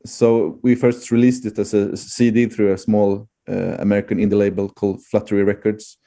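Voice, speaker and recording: A man's voice: fairly low pitch, flat delivery, normal speed, vocal fry, mellow. A man with a Swedish accent chatting casually as an interview guest, hesitant and often searching for words. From Sweden.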